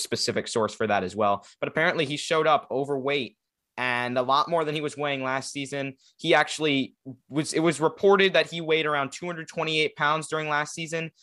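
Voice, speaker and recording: A young sports podcast host rambles through a casual chat with a guest, leaning heavily on filler words. His voice sits in the mid-range with a fairly bright tone.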